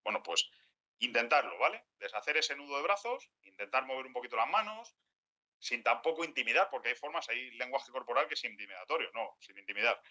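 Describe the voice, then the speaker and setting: A man leads a workshop talk for a group, his tone strikingly bright and forward. He often acts out what people might say. The recording sounds dull and lo-fi. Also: medium pitch, fairly quick. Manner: acts out quoted speech, animated. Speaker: workshop speaker. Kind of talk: lecture to a group.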